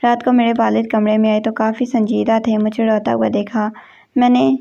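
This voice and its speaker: Flat, gravelly woman storyteller. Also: a little high. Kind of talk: first-person story narration. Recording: dull lo-fi recording.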